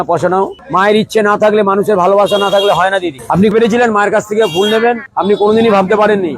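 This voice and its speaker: A middle-aged man runs a street food stall and chats effusively with customers. He is devout, chanting praises and rattling off his dishes. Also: high voice. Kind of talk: casual chat while serving customers. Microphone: vlogger's handheld camera. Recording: noisy street crowd behind. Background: crowd chatter.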